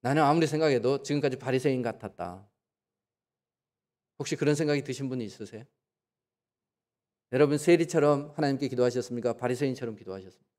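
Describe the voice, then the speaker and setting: A man preaching a Sunday sermon in a church, asking the congregation rhetorical questions and acting out quoted voices with sudden jumps in pitch. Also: fast, long pauses, a little mellow. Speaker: pastor. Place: church sanctuary.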